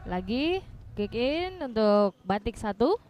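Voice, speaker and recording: A woman's voice: a little high, sing-song, takes it slowly, darkish tone. A woman with an Indonesian accent giving live futsal commentary as a co-commentator. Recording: faint background venue noise.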